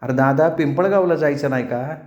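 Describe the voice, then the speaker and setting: A man's voice: fairly quick, a little mellow, dull audio, close to an everyday voice. A man voicing an anxious young village sister who pleads with her brother, in a roomy recording. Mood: pleading. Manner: high coaxing pleading calls. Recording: roomy echo.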